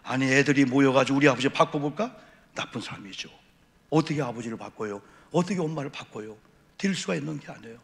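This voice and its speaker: A man's voice: mid-range voice, fast talker, creaky. A middle-aged man preaching an evening sermon as a senior pastor in a church sanctuary, with emphatic repeated refrains and rhetorical questions. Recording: echoey church hall reverb.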